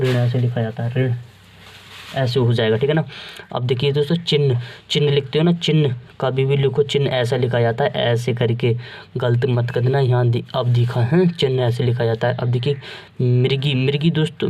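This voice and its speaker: A man's voice: mid-range voice, steady tone, normal speed, a little mellow. A man teaching Hindi spelling, who keeps asking and answering his own questions and calls his listeners friends. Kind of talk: spelling lesson.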